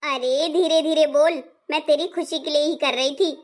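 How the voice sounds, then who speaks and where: A woman's voice: high voice, fairly even intonation, normal speed, close to an everyday voice. A woman playing a bossy mother-in-law. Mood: scolding. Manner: scolding, commanding. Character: bossy middle-aged mother-in-law, doting on daughter. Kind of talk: family skit acting.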